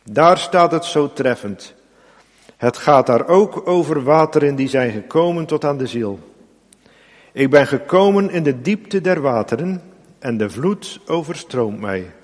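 A man preaching a sermon as pastor, earnest and deliberate, rising to emphatic appeals to the congregation. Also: fairly high pitch, expressive, long reverb tail. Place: church.

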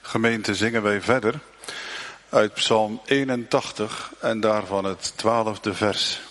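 A man serving as minister, announcing a psalm to the congregation in a church service, formal and deliberate. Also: fairly low pitch, fairly even intonation, a bit bright.

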